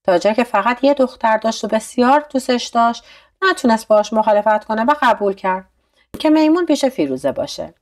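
A woman narrating a bedtime story in a calm, steady storytelling manner. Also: a little high.

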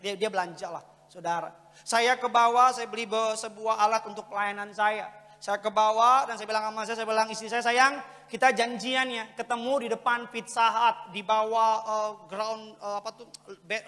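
A middle-aged man preaching a lively church sermon, telling stories with loud calls and quiet asides. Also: sits high. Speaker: pastor. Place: large church hall. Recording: long reverb of a big hall.

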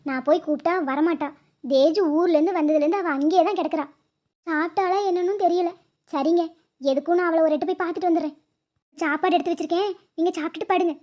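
A fretful middle-aged village mother in a cartoon, scolding in a very high voice. The sound is slightly dull and lo-fi. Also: steady tone, quick pace. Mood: fretting. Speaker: mother and wife.

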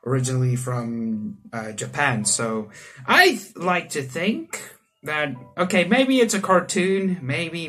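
A young adult man from South Africa, playing through a visual novel in a small room indoors, reads it aloud with loose, rambling remarks and jokes. His voice is medium-pitched with a fairly bright tone.

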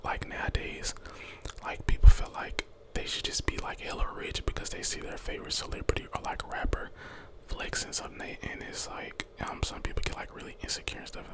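An American man in his twenties giving a casual, slangy, encouraging pep talk in an ASMR whisper close to the microphone. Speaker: ASMR content creator. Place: small bedroom, indoors. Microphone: close handheld desk condenser microphone.

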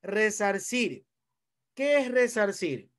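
High-voiced Ecuadorian man teaching a class. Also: big pitch swings, takes it slowly, a bit bright. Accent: Ecuadorian Spanish. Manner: explanatory, asks students questions. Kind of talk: online class lesson.

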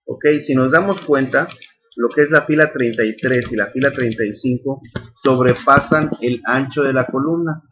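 A man teaching a screen-recorded spreadsheet tutorial, patient and repetitive, often checking in with his students. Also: medium pitch. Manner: patient, repeats steps, checks in with "ok". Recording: slightly dull recording with faint noise.

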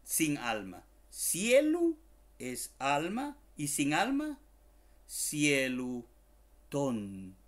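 Guy teaching a language class online, says each word over and over, spells it out slow, mid-pitched voice. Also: wildly swooping pitch, a bit bright. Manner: explains slowly, repeats words many times, spells letter by letter, jokes aside.

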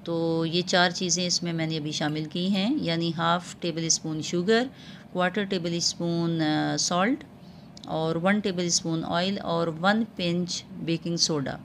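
Speaking at a measured pace, a female cooking channel host narrates a home cooking tutorial in a low, flat, steady voice. Her delivery is calm and explanatory, dotted with frequent filler sounds, over a faint background hiss.

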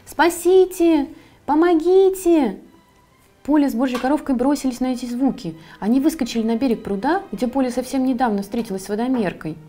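A woman, the author, reading her own fairy tale for children, with a calm, expressive delivery. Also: fairly high pitch, fast, few pauses, faint music behind. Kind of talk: storybook narration for children.

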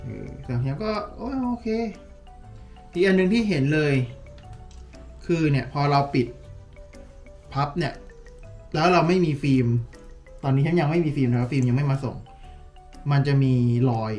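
A man's voice: a little high, moderate pace, pauses often, faint music behind. A man talking casually as he unboxes and reviews a tablet case, thinking aloud with lots of fillers. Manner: relaxed, chatty, thinking aloud with many fillers.

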